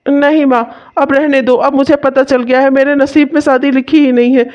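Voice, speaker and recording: A woman's voice: high voice, flat delivery, moderate pace, darkish tone, close to an everyday voice. A woman voicing a weary young father in a cartoon who pleads and then gives up on marriage. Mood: resigned. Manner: pleading, resigned. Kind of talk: cartoon voice acting. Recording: dull lo-fi sound.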